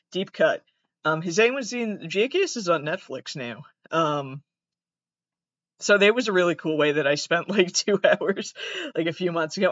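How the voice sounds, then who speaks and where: A man from the United States with vocal fry and a monotone, deadpan delivery, hosting a podcast as a casual, self-deprecating, sweary comedic monologue. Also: high-pitched, dry recording, muffled recording. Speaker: podcast host.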